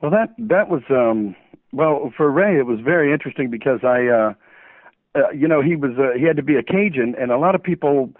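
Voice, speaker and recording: A man's voice: mid-range voice, lively intonation, fairly quick, no room sound. Male voice actor guest, from New Orleans, playful raconteur, tinny phone audio. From New Orleans, USA. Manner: playful, jokey storyteller with frequent chuckles. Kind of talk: phone interview chat. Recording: tinny dry phone line.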